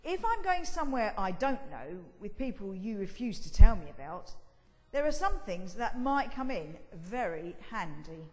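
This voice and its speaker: Eager, nagging male disciple read by a woman in a church sketch; animated, wheedling, reverberant hall. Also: mid-range voice, normal speed, hardly any pauses, natural voice. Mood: reluctant, bargaining. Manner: peppering with questions, wheedling. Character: Peter, eager, pestering, questioning male disciple. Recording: echoey hall with long reverb.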